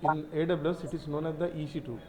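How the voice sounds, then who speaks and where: A man teaching cloud computing in a live online class, speaking through a computer mic on a video call and explaining in halting, repetitive phrases. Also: on the high side, steady tone, warm tone, low-quality recording.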